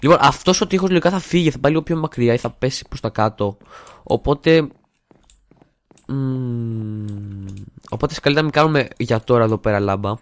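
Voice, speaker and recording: A young man talks his way through a building game at home, loose and joking, often trailing off into hums and muttered half-thoughts. His pitch sits in an ordinary middle range, picked up close on a desktop mic. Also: no room sound. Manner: rambling, jokey, hums and mutters while building. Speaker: gaming channel host. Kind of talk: casual let's-play commentary. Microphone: desktop studio mic.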